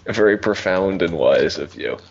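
Man, tabletop player, very deep, gravelly, dry, casual, slightly muffled. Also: expressive, normal speed. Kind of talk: casual in-character play.

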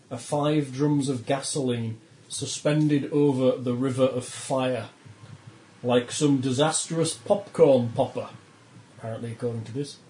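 A man narrating a tabletop game as game master, describing scenes in an unhurried way with fillers. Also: mid-range voice, warm tone, echoey room, slight background noise.

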